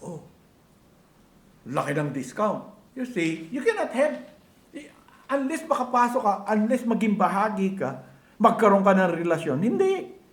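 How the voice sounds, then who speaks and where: A man's voice: sits high, sing-song, unhurried, pauses often, echoey room. A man with a Filipino accent preaching a sermon in a church, talking to the congregation in a conversational way and asking many rhetorical questions. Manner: switches between Tagalog and English, conversational preaching with rhetorical questions. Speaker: pastor.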